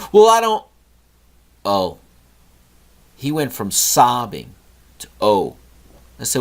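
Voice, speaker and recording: A middle-aged man hosting a podcast, telling an earnest story about a talk with his son and lecturing on gratitude. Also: medium pitch. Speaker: podcast host. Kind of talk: storytelling monologue.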